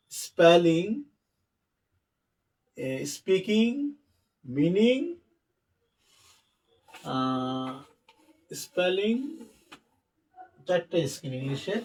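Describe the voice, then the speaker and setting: A man's voice: high-pitched, far from the mic, poor audio. A male English teacher giving a spelling and pronunciation lesson, spelling out letters one by one and talking directly to his students.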